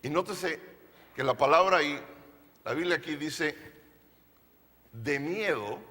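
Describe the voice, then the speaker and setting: A man's voice: on the high side, moderate pace, pushed and bright, long reverb tail. A male pastor preaching a sermon to a congregation, emphatic and playful, often asking them questions. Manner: playful, jokes with the audience. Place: church service.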